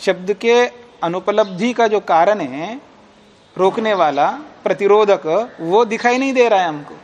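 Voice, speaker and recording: Slight background noise accompanies a man's high-pitched voice as he leads a class through a classical philosophy text. Slowly reading out Sanskrit lines, he explains them simply and then answers the questions he puts to his students.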